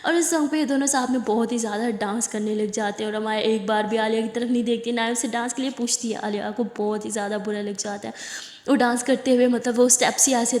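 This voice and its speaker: A woman's voice: a little high, a little mellow. A woman telling a love story in a casual, chatty way, with jokey asides. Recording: echoey reverberant room.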